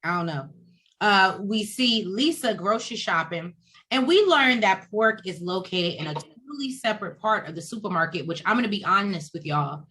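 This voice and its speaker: A woman's voice: mid-range voice, expressive, normal speed, pushed and bright. A woman co-hosting a casual recap chat, adding wry quips. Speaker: podcast co-host.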